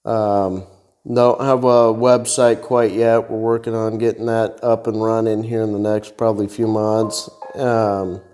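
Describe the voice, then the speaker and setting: A man's voice: on the low side, level tone, unhurried, a little mellow. A man who is a plumbing contractor, a guest in a casual interview, giving plain short answers with fillers.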